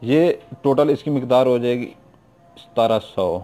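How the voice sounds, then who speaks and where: A middle-aged man with a Pakistani Urdu accent, talking through instructions in a loose, repetitive way. His voice is mellow and dark in tone, at an ordinary pitch for a man. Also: unhurried, faint music behind. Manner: repetitive, informal, keeps adding "theek hai na". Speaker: YouTube occult practitioner. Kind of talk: casual spoken instruction.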